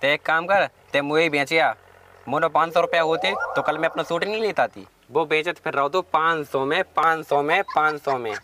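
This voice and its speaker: A man's voice: on the high side, moderate pace, lightly acted. A man playing a woman, a scolding, sarcastic rustic mother in a village comedy skit. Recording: clear background noise, clicks.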